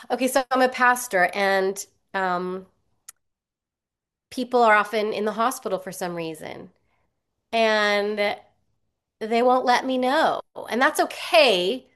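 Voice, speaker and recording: A woman's voice: mid-range voice, slow pace, pauses often, fairly bright tone, smooth. A woman pastor speaking on a video call, candid and reflective, laughing lightly between phrases.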